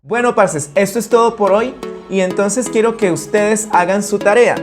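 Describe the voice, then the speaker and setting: A woman's voice: mid-range voice, over music. A woman, teaching in a video lesson and sounding out words syllable by syllable. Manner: slow, careful syllable-by-syllable explanation. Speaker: Spanish teacher.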